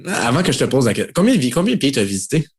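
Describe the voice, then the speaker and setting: Laughing Québécois host. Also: male voice, medium pitch, sing-song, rapid-fire, breathy edge. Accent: Québécois French. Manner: friendly, laughs often, many fillers. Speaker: podcast host. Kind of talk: casual interview.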